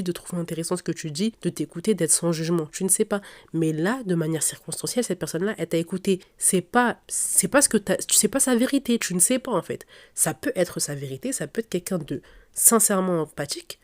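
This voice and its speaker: A young woman with a cold and sore throat hosts her podcast anyway. Her voice is fairly low and a little mellow but clearly congested, with a blocked-nose nasal quality. She delivers an informal advice monologue aimed right at her listeners, backed by faint music.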